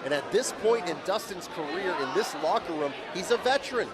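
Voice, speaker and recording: A man's voice: sits high, expressive, fairly quick. A man calling live wrestling play-by-play as a commentator, with dramatic, emphatic delivery. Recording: live event, loud crowd noise. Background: very loud crowd and venue noise.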